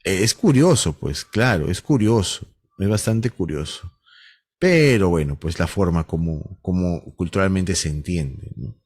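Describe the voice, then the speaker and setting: A man from Huánuco with a Peruvian Spanish accent, teaching an online class in a jokey, animated way and acting out bits of street slang. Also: low voice, measured pace, breathy edge. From Huánuco, Peru.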